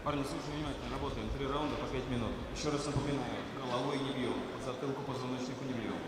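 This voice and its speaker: A man working as a fight referee, briskly giving terse rule instructions. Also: mid-range voice, fairly even intonation. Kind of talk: brisk rules briefing to fighters. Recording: very echoey, distant, noisy arena pickup.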